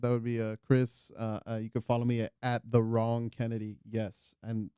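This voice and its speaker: Mellow smooth-voiced guest man. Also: mid-range voice, normal speed, dry recording, clean studio sound. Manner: relaxed, teasing, descriptive. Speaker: returning guest. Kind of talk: casual chat.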